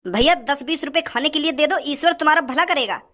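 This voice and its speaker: A man's voice: very high-pitched, lively intonation, fast, very noisy. A man playing a pleading hungry beggar. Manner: begging, pleading. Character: pleading poor young male beggar. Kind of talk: comedy sketch acting.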